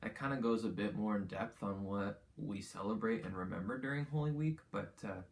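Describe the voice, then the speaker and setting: A man's voice: fairly low pitch, a little fast. A man speaking as a youth pastor, giving an informal sermon in an earnest, conversational way and repeating phrases for emphasis.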